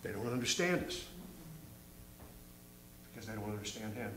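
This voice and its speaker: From a wooden church pulpit, a middle-aged pastor reads scripture and preaches with rising intensity. His voice is fairly low and expressive, at normal speed. Recorded through the pulpit mic, the church hall sounds roomy, with background noise present.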